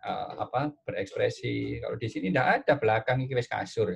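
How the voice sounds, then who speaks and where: A man gives a webinar talk from his home over a video call, his voice husky and of middle pitch. He is animated and keeps tagging his lines with a questioning "ya". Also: brisk. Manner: animated, many filler "ya" tags. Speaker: webinar speaker and trainer. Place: at home, bed behind him.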